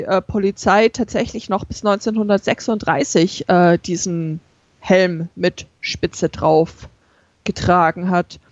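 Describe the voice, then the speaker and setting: A woman presenting as a podcast host in an informative, measured way with hesitant pauses, on a slightly dull recording. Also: lowish voice, no room sound.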